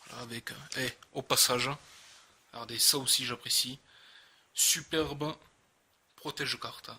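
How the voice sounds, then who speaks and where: This is a man with a marked bright, forward voice and a southern French accent. There is a rough, husky grain to it. He talks casually to viewers as he unboxes, halting and doubling back on his words. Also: mid-range voice, fairly even intonation. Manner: hesitant, halting, often repeating words. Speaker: host of a card unboxing video.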